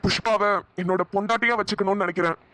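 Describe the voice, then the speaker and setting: A man voices the men of a cartoon family, high-pitched for a man and quick. His tone is bright and earnest, as if making a speech. The recording is dry and close. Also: fairly even intonation, no echo. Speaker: voice artist for male family characters. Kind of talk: cartoon family comedy voicing.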